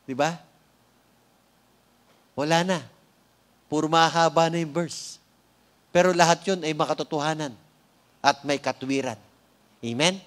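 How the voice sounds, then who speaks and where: This high-voiced preacher speaks with a Filipino accent, opening with prayer before moving into his sermon. "Amen?" comes up again and again as he checks in with the congregation. He slows to stretch out important words and occasionally adds a playful aside.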